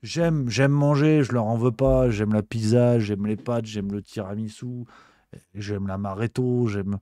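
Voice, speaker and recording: A man's voice: lowish voice, steady tone, a little slow, warm tone, no room sound. A male host delivering a comedic rant on a livestream show, exasperated and swearing, repeating his grumbles.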